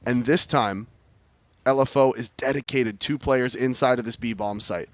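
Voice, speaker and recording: Working as an esports caster, a man delivers live match analysis and play-by-play in short, clipped phrases. His voice is mid-range with fairly even intonation and a measured pace.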